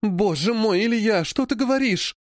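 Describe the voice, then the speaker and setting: A man's voice: high-pitched, moderate pace, no room sound, studio quality, voice pushed up, lightly acted. A man voicing a scheming middle-aged aunt who plays up her outrage with theatrical sobs. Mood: melodramatic. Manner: melodramatic, sobbing indignation. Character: sly, theatrical aunt, a healer.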